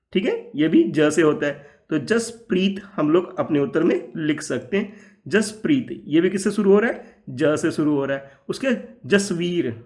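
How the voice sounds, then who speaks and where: A man's voice: on the high side, darkish tone. A man teaching young children, patiently repeating words and asking questions back. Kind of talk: classroom lesson for young children.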